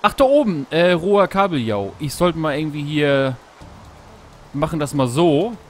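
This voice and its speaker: A man casually commenting on his gameplay while fishing, talking to himself, greeting animals in the game, and yelping excitedly at each catch. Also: on the high side, normal speed, slight background noise. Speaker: Let's Play host. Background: background game music.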